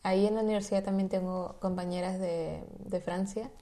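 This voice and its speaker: A woman's voice: medium pitch, fairly quick. A woman from Peru, a graduate student chatting fluently and at length in a casual conversation. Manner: fluent, talkative, lively storytelling. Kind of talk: casual chat.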